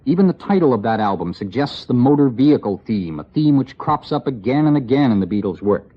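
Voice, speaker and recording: A man's voice: medium pitch, big pitch swings, fairly quick. A man narrating a scripted radio report with wry, dry asides. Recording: lo-fi 1960s radio broadcast.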